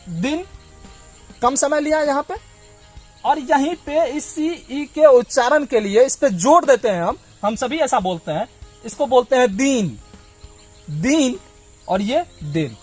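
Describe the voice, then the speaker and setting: A man from Bihar teaching a blackboard lesson, patiently sounding out vowels and explaining them step by step. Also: high voice. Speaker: Hindi teacher.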